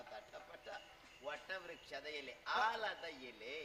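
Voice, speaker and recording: An actor playing a calm, playful male god, answering with mild back-talk in live folk theatre. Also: high-pitched, moderate pace, slight background noise. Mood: amused.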